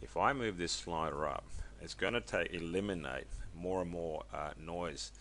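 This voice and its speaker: A man casually walking viewers through a software tutorial, chatty and loose, with many ums and self-corrections. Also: low voice, moderate pace, a little hiss or hum. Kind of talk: casual screen-recorded tutorial.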